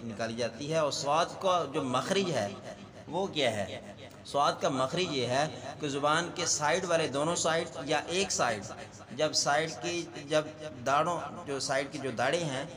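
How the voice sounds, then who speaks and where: Man teaching recitation in an echoing hall. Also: fairly high pitch. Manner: repeats each sound slowly and drawn out for the learner. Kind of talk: slow word-by-word recitation lesson.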